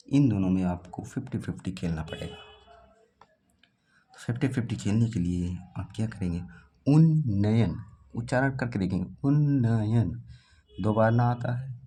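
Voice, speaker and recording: A man's voice: fairly low pitch, dark tone, husky. A man teaching an exam practice lesson, sounding out words aloud as he eliminates wrong answers.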